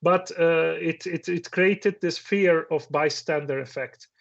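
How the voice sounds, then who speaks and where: A slightly high, gravelly male voice with a steady tone and a somewhat slow pace belongs to a middle-aged conference speaker whose first language is Turkish. Reflecting aloud, he poses questions to the audience and occasionally restarts, recorded with dull lo-fi quality.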